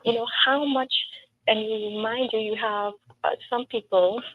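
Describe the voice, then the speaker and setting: A Trinidadian-accented woman, running for office, answers interview questions in an earnest, emphatic way with storytelling asides. Her voice is on the high side, steady, and a little slow. The recording has a tinny, telephone quality and faint background noise.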